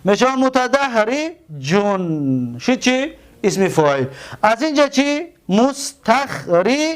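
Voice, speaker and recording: A man with a Tajik accent teaching a grammar lesson, repeating terms slowly and asking and answering his own questions. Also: very high voice, sing-song, clear, resonant tone. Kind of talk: classroom lesson.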